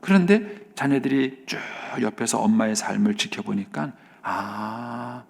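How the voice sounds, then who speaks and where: A middle-aged man with a gravelly, creaky voice delivers an early-morning sermon from a church sanctuary. He speaks earnestly and keeps dropping into a hushed near-whisper to drive home his points. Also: mid-range voice, measured pace. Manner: earnest, often drops to a soft near-whisper for emphasis. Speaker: pastor. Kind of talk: dawn service sermon.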